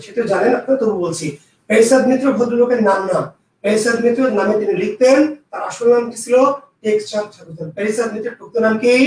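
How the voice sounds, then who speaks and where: A man's voice: high-pitched, a little mellow. A man teaching an exam prep lesson, repeating key answers and quizzing his students aloud. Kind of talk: lecture. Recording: echoey room, mic at a distance.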